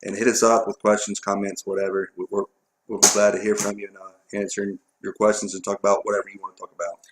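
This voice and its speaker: A man's voice: fairly low pitch, level tone, quick pace. A man with a Southern American accent co-hosting a casual sports chat show, plain and matter-of-fact. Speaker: co-host. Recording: echoey room.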